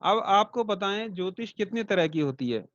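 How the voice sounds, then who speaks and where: High-voiced male astrology teacher, chatty. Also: animated, moderate pace, a bit bright, no room sound, highs cut off. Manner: conversational, with rhetorical check-ins to students; explains by everyday comparisons and light jokes. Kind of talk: online lecture class.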